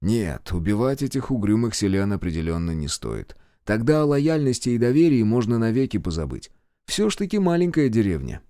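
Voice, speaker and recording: A man narrating a fantasy audiobook with a low, warm voice that rises and falls a great deal. His storytelling is expressive and wry, recorded close and dry with no room sound. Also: fairly quick, no room sound.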